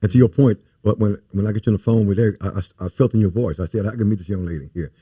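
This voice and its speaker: Man, youth coach, earnest and rapid, low mellow husky voice, fits a dry close-mic read. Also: no room sound. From Louisiana, USA. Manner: earnest, repeats words, rhyming sayings. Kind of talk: casual talk show conversation.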